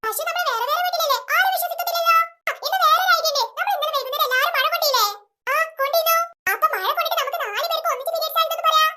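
A woman's voice: very high-pitched, rapid-fire, sharp tone, exaggerated voice. A woman voicing a bossy ringleader schoolgirl. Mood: plotting.

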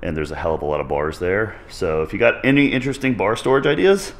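A man in his thirties chatting casually to camera for a fitness vlog, goofy and excitable, jumping between loud bursts and low asides. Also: quick pace. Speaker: fitness vlogger. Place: echoey home gym. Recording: echoey room.

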